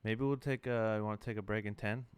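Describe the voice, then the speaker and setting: Low, clear-voiced man hosting casually. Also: steady tone, fast, no room sound. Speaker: interview host. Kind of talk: casual chat.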